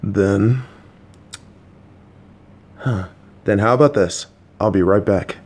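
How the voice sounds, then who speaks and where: In a listener-directed audio roleplay, a male voice actor plays a patient, supportive, slightly clueless middle-aged father who coaxes and reassures his child, adding jokey asides. His voice is lowish, slow and darkish in tone, and his mood is calm and coaxing.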